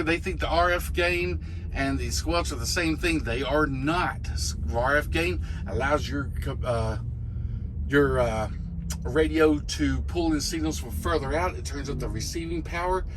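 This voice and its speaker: A middle-aged American truck driver, his voice on the high side and measured, walks through a casual hands-on tutorial in a plain, folksy way. The noise of the vehicle cab comes through clearly.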